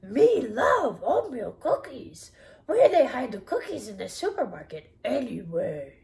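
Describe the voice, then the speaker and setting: A woman voicing a greedy, excitable furry monster who craves cookies, gravelly and talking in broken grammar, in a storybook read-aloud. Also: a little high, unhurried, full character voice. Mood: greedy excited.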